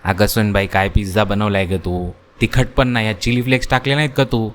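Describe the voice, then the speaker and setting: A man's voice: on the low side, steady tone, brisk, slight background noise, lightly acted. A man voicing a strict, bossy older mother-in-law in a cartoon story, talking in a stern, scolding way.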